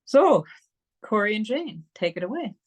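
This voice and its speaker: A woman's voice: medium pitch, sing-song, a little slow. A woman moderating an online meeting, giving prepared housekeeping notes and speaker introductions.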